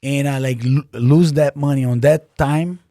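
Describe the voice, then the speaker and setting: A Brazilian man, a native Portuguese speaker with a Brazilian Portuguese accent, talks earnestly as a guest in a casual podcast interview, with many fillers and restarts. His medium-pitched voice is steady, mellow and a little slow, in studio quality with no room sound.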